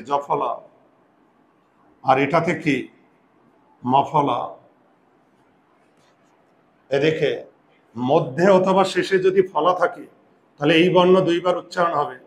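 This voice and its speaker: A man teaching a grammar lesson slowly and patiently, repeating words and asking his students questions. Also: a little high, low-quality recording.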